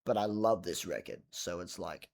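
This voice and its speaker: A man's voice: low voice, normal speed, darkish tone. A tired man rambling casually about an album late at night at home, swearing now and then and trailing off into mumbles. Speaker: vlogger reviewing a record.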